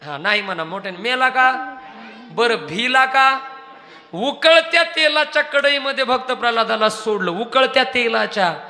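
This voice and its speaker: A man's voice: very high voice, moderate pace, sharp tone. A male kirtan preacher, telling devotional stories, singing verses and teasing the audience with questions. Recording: reverberant hall with faint music.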